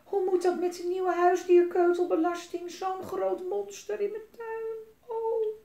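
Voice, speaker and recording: A woman's voice: very high-pitched, level tone, a little slow, creaky, warm tone, a little hiss or hum, voice pushed up, exaggerated voice. A woman voicing a fussy, panicky mother who screeches about dirt, recorded in a roomy space. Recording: roomy echo.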